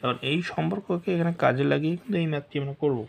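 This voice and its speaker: A man teaching a math lesson slowly and patiently, walking through each step and mixing English math terms into his speech. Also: fairly high pitch, gravelly, slight background noise.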